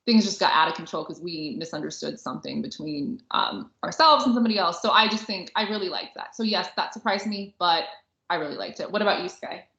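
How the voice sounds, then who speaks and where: A woman with a lowish, fairly bright voice talks fast as a podcast co-host, casually chatting about books and films and saying "like" a lot. The recording has a roomy echo and sounds slightly dull.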